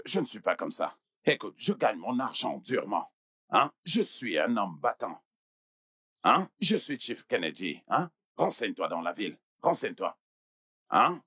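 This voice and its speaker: A man's voice: lowish voice, big pitch swings, measured pace, fairly bright tone, breathy edge, dry recording, studio quality, heavily acted. An actor dubbing a wealthy middle-aged businessman chief who coaxes and pleads, repeating himself with tag questions. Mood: coaxing. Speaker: dub actor. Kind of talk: dubbed film acting.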